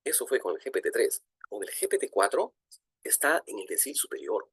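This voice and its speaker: Animated man giving a virtual lecture. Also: medium pitch, a little fast, slightly rough, no echo, clean studio sound. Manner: animated, frequent fillers and restarts. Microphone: video call.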